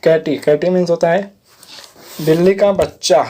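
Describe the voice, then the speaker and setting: A man's voice: on the high side, steady tone, measured pace, mellow. A man teaching English vocabulary, spelling each word letter by letter and checking in with "theek hai" as he patiently explains it. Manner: repeats "theek hai" often. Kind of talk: vocabulary lesson.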